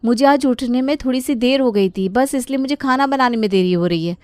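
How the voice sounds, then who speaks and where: A woman's voice: high-pitched, brisk, darkish tone, smooth, no echo, voice pushed up, close to an everyday voice. A woman voicing a patient young daughter-in-law in a cartoon story, pleading and firm by turns. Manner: pleading, then firm and resolved.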